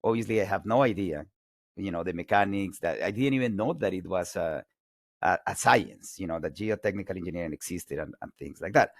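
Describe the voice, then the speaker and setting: Colombian-born guy in his 40s lecturing online, low gravelly voice, dry sound, lots of energy. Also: a little fast, no room sound. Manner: energetic, self-correcting repeats. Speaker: guest lecturer.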